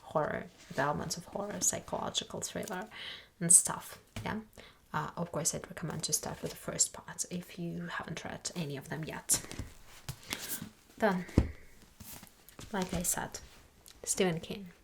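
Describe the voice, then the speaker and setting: A woman playing a sassy female librarian in a whispered role-play, speaking in a soft, breathy library whisper with halting pauses. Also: fairly low pitch. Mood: hushed, helpful. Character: sassy, dismissive female librarian recommending books to a visitor. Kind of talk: soft-spoken ASMR. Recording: clear background noise with clicks.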